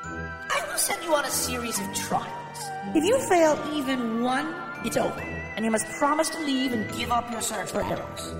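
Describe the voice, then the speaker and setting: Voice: high voice, wildly swooping pitch, moderate pace, reverberant, long reverb tail, over music, voice pushed up, exaggerated voice. A storyteller voicing a haughty, scornful goddess who talks down to a mortal. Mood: cold. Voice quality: mocking, condescending. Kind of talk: storytelling podcast voice acting.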